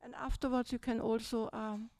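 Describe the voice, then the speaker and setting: An older Austrian Buddhist nun with an Austrian German accent gives a retreat talk and personal story, seated on a low stage in a large, dim hall. Her fairly high voice is soft and mellow, with little pitch movement and a moderate pace, and she chats along, often checking in with "yeah?". Speaking into a handheld mic, she sounds dry and close, with no echo.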